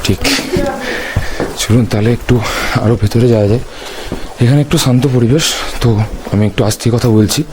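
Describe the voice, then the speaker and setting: Speaking with a mid-range voice, this man narrates his motorbike trip to camera outdoors at a hilltop monastery, somewhat winded and mixing in English words as he goes. He talks a little fast but leaves long pauses. There's a lot of noise in the background.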